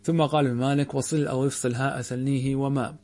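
A man teaching a grammar lesson, reciting quoted verses slowly and drawn out, and questioning his students rhetorically. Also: medium pitch, flat delivery, mellow. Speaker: Islamic scholar teaching grammar.

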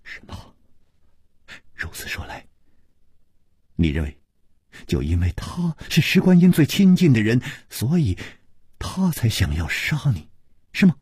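A man voicing an agitated young male heir who stammers in shrill, disbelieving outbursts. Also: wildly swooping pitch, moderate pace, darkish tone, slightly rough, dry recording, clean studio sound, exaggerated voice.

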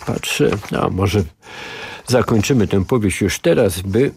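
A man reading a novel aloud on the radio, with lively, expressive storytelling. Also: on the low side, a little slow, vocal fry, a little hiss or hum. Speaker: radio reader. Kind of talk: dramatic audiobook reading on radio.

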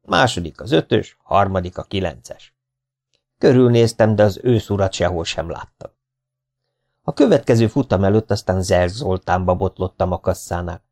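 A man's voice: sits low, lively intonation, darkish tone. A man narrating a memoir audiobook in a wry storytelling manner. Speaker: audiobook reader.

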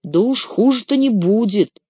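A reader voicing a devoted, excitable young male hobbit servant who pleads in shrill, tearful outbursts. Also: normal speed, husky, dry recording. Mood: pleading. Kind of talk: audiobook character reading.

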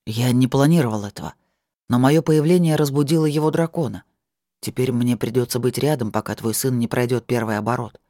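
Narrator doing Dark, a grim, low-voiced dragon man. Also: no room sound, clean studio sound, lightly acted. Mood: grave. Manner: quiet, measured, heavy. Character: grim dragon-blooded man, calm and imposing.

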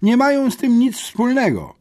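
A man voicing a loud male policeman with a slightly crowing voice, speaking up for the boys in an audiobook. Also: very high voice, wildly swooping pitch, normal speed, voice pushed up, exaggerated voice. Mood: urgent. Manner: loud, eager to vouch. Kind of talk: audiobook character voice.

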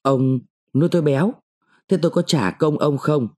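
A male narrator voicing a sharp-tongued, defiant mandarin's wife who scolds and taunts her husband. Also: a little high, moderate pace, voice pushed up, lightly acted.

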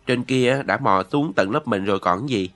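A man reading a novel aloud, voicing a school pupil who calmly breaks up an argument in a matter-of-fact way. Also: medium pitch, normal speed, close to an everyday voice. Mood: calming. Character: calm, peacemaking school pupil.

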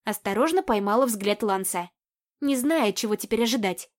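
A woman narrating a first-person romance audiobook in an intimate, even, unhurried reading. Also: mid-range voice. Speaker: audiobook reader.

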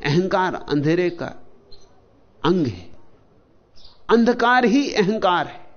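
A man delivers a spiritual discourse at a very slow, deliberate pace, with long pauses between single words. His fairly high voice rises and falls in wide, lively swings. The recording sounds dull and lo-fi, like an old archive tape. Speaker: spiritual teacher.

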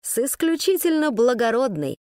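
A cheerful, mysterious man , as a female narrator plays him who teases with mock gallantry. He sounds playful and unbothered, sometimes dropping lower for fake seriousness. The reading is dry and close. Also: big pitch swings, normal speed, a little mellow, no room sound. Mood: teasing.

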